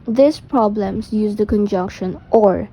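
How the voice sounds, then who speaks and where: A woman's voice: medium pitch, measured pace, dark tone, husky. A woman reading scripted educational narration as an explainer.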